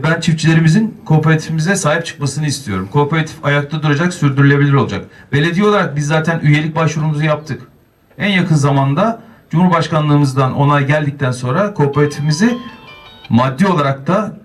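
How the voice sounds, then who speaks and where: A man's voice: on the high side, far from the mic. A man, a mayor, giving an earnest public speech at a podium microphone.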